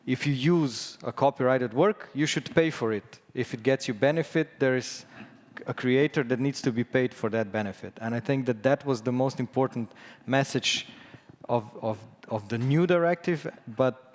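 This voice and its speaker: A man's voice: mid-range voice, moderate pace. Slovenian-accented man in a reverberant hall. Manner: hesitant, many fillers and restarts. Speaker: conference speaker. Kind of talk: conference presentation. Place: conference hall.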